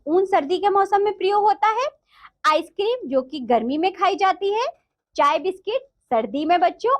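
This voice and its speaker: Woman teacher, high lively pitch, patient and repetitive while walking kids through a workbook. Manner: explains slowly and repeats answers to children. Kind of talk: textbook lesson for children.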